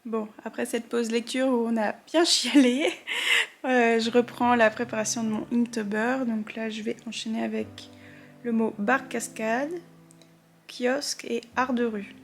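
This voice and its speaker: A woman's voice: on the high side, fairly even intonation, measured pace, soft background music. A woman vlogger chatting casually about her drawing and reading, with fillers and half-whispered asides. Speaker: art vlogger. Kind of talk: casual chat.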